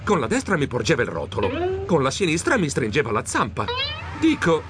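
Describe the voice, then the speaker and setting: A man narrating a children's storybook in a lively, comically flustered way. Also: a little high, quick pace, background noise. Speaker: audiobook narrator.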